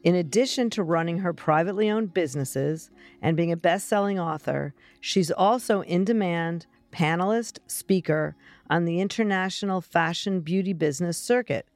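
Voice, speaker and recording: A middle-aged woman hosting an interview, asking brisk, direct questions. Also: fairly low pitch, a little mellow, no echo, soft background music. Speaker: interview host. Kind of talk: interview, scripted intro.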